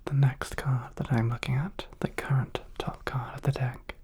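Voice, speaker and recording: A woman doing a soothing whispered role-play as a clinician, guiding the listener softly and close to the microphone. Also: very deep voice, level tone, normal speed, slightly rough. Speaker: ASMR host playing a clinician.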